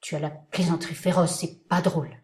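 A woman reading aloud voices a brooding man with a clipped, cutting, hushed delivery. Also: low-pitched, fairly even intonation, brisk, natural voice. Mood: curt. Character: brooding man, curt and bitter. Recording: roomy echoing room.

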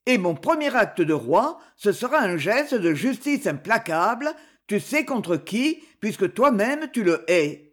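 A woman reading an audiobook, voicing a proud, ambitious aging duke speaking to his daughter in a grave, forceful tone. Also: mid-range voice, very animated, a little slow. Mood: resolute.

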